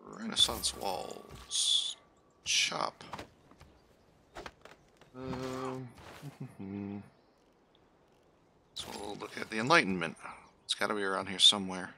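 A man's voice: fairly low pitch, steady tone, measured pace, creaky, pauses often, bright, forceful tone, a little hiss or hum. A man giving casual let's-play commentary, muttering running asides to himself and his units in a wry, self-deprecating way. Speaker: gaming channel host.

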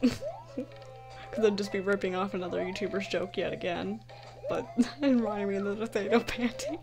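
A gaming YouTuber records a casual let's-play at home at night, keeping her voice down, with game music playing behind her. Her mid-range voice is very animated at normal speed as she giggles, mocks herself, and bursts out in frustration at the game.

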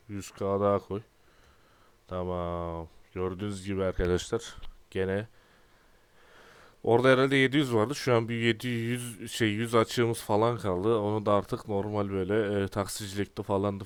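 Young male gaming YouTuber, twenties; clean resonant low voice, exasperated and grumbly, clears throat a lot. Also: dry recording. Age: 20s. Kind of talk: casual gameplay commentary.

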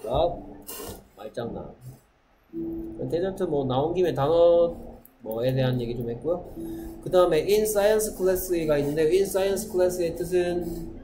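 A man teaching an English lesson to middle school students. He keeps checking that the class is following, and he reads the English sentences out slowly. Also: a little high, expressive, echoey room, over music, low-quality recording. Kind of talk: classroom lecture.

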